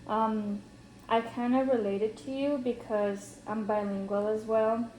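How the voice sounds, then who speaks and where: A native Spanish speaker plays a counselor in a role-played therapy session, asking gentle questions full of pauses and ums. Her voice is fairly high with a level tone, and the recording has a roomy echo.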